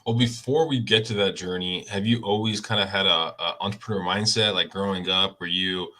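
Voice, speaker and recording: A man hosts a podcast interview in a friendly, chatty way, often correcting himself mid-sentence. His voice is lowish but has a bright, forceful edge. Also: steady tone, brisk. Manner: friendly, self-correcting, stumbles over names. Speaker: podcast host. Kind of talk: casual interview chat.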